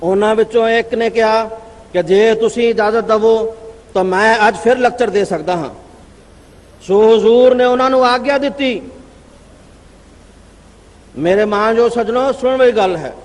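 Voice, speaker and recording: At a convention gathering, a man with a Punjabi accent and a strikingly high voice gives a formal religious address. He declaims in measured phrases with long pauses, stopping at times to read out his citations, while a long reverb follows each line around the large hall.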